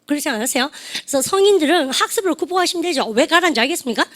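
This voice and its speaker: In a classroom, a middle-aged woman with a high voice teaches English. Lively and teasing, she keeps firing quick questions at her students throughout the lesson.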